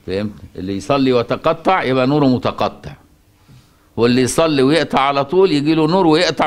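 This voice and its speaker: A man with an Egyptian accent giving a colloquial Quran lesson, often asking his listeners if they follow and chanting verses slowly. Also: medium pitch. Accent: Egyptian Arabic. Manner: conversational, asks rhetorical checks, chants verses slowly. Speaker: Quran teacher.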